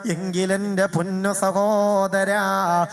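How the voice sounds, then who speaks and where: A male preacher delivers a dramatic sermon in a high voice at an unhurried pace. He drops into soft, rapid storytelling and then draws out lines of Arabic verse in a slow chant. Faint music plays behind him. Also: level tone. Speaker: Islamic preacher. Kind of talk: Malayalam sermon.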